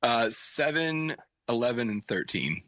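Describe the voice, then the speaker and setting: A man's voice: medium pitch, lively intonation, measured pace, pushed and bright, no room sound. A middle-aged man co-hosting a podcast, cracking playful jokes. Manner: wisecracking, playful. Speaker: podcast co-host. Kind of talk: casual podcast chat.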